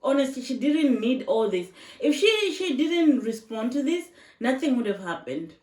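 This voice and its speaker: A woman's voice: high voice, very animated, normal speed, darkish tone, far from the mic. A woman vlogger giving casual opinion commentary, speaking emphatically, repeating her points and asking rhetorical questions. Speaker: vlogger reacting to online videos. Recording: roomy echo, voice a bit off-mic.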